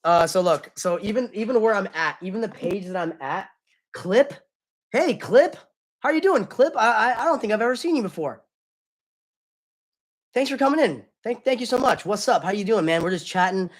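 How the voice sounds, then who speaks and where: A man's voice: high voice, lively intonation, normal speed. Rambling young man chatting on stream. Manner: loose, rambling, apologetic, slangy. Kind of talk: casual live-stream chat.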